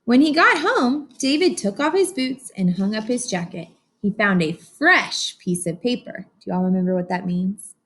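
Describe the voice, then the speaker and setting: A woman with an expressive, slightly bright voice of medium pitch reads a picture book to young children as a teacher might. Along the way she pauses to explain and asks simple questions meant to encourage them.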